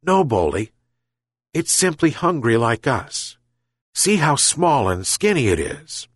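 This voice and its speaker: A man voicing a poor, gentle old fisherman, in a raised, strained voice. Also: mid-range voice, sing-song, slow pace, husky, dry recording, clean studio sound, pitched above the performer's own voice, exaggerated voice.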